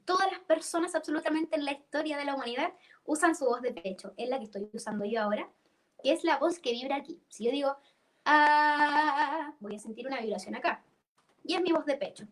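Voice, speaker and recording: A woman's voice: high-pitched, quick pace. A young woman teaching a church singing workshop, explaining vocal registers and demonstrating them by singing.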